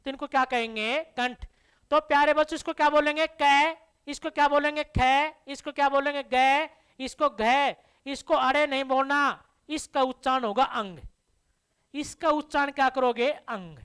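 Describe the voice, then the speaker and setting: A woman's voice: high-pitched, steady tone, normal speed, a bit bright. A woman teaching a classroom grammar lesson, asking the class questions and answering them herself to drill the terms. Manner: addresses listeners as dear children.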